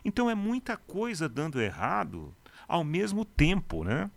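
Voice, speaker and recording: A man's voice: on the high side, huge pitch swings, normal speed, gravelly, dry recording. A Brazilian man giving informal, emphatic football commentary on the radio, often putting rhetorical questions to listeners. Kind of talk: informal radio sports opinion.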